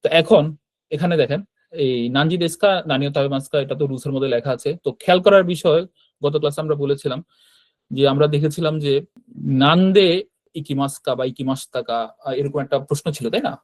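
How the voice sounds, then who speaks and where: A man's voice: fairly high pitch, fairly even intonation, fast talker, darkish tone, no echo. A man teaching a Japanese grammar lesson, explaining step by step and often checking in with short tag questions. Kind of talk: classroom-style grammar lesson.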